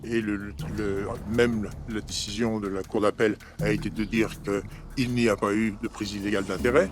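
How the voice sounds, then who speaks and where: An older man, a former mayor, answering calmly in an interview with some hesitation. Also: fairly low pitch, normal speed, noisy background. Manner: calm, hesitant with fillers.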